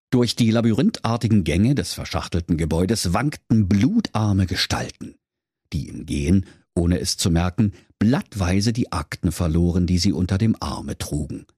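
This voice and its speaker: Male storyteller for a kids' fairy tale, animated and playful, dry studio read. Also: sits low, slightly rough, dry recording. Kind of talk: comic fairy-tale narration for children.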